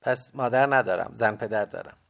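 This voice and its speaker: A man's voice: medium pitch, vocal fry, voice pushed up, natural voice. A man voicing a poor, earnest errand boy of about ten in a storybook reading. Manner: plain, earnest answers.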